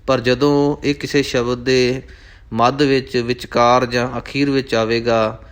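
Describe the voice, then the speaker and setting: A man with a Punjabi accent reciting scripture line by line in a slow, measured chant and breaking off to explain correct pronunciation. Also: mid-range voice. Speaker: Sikh scripture recitation teacher.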